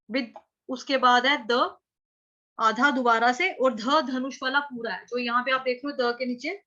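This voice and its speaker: A woman's voice: high-pitched, pushed and bright, muffled recording. A woman teaching Sanskrit verse pronunciation in an online class, patiently drilling syllables and chanting lines.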